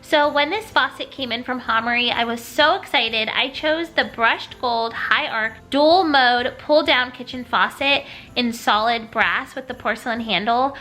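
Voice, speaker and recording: Faint music plays behind a woman whose fairly high, pushed, bright voice moves a little slowly. She's a home decor vlogger chatting upbeat on a casual video, nasal and congested from being sick.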